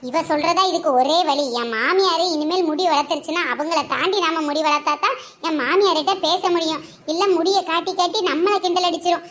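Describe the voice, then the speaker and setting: A woman doing shrill village women locked in an in-law feud, a very high, piercing voice trading quick, teasing jabs. It is a scripted comedy skit, full of mock outrage and banter. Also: a bit bright, slight background noise. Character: squabbling village women, feuding mother-in-law and daughter-in-law.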